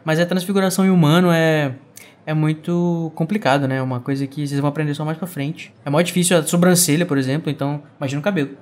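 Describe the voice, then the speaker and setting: Quick talking guy on a book podcast, chatty, always asking "right?". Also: on the high side, steady tone, a little mellow. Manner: chatty, lots of "né" tag questions. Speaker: podcast co-host. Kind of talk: casual book-club chat.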